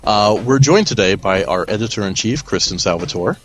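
Slightly hoarse, low-voiced male podcast host. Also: animated, brisk. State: getting over an illness, slightly hoarse. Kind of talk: casual hosted podcast chat.

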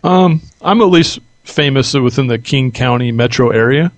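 A male podcast guest talks casually about his work in a middle-pitched voice. He pauses and restarts as he thinks aloud, and the sound is dry. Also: dry recording. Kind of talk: casual interview chat.

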